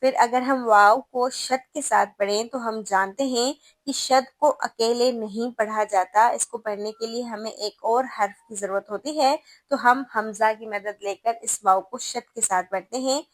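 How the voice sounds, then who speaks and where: A woman teaching a tajweed lesson, explaining patiently and drawing out each letter sound slowly. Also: fairly high pitch, steady tone, dry recording. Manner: patient, explanatory, slow drawn-out sound demos. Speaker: Quran recitation teacher.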